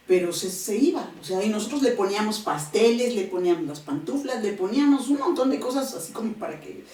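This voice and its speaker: A woman in her thirties giving a heartfelt personal testimony in an interview, acting out what her family said. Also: mid-range voice. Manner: expressive storyteller, voices quoted family. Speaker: interview guest. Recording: echoey room, mic at a distance.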